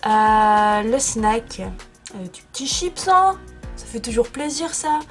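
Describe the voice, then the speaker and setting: Young female vlogger, playful and self-deprecating, slightly high voice, casual chat from her bedroom. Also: lively intonation, slow, faint music behind. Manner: chatty, self-mocking, playful. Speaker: YouTuber.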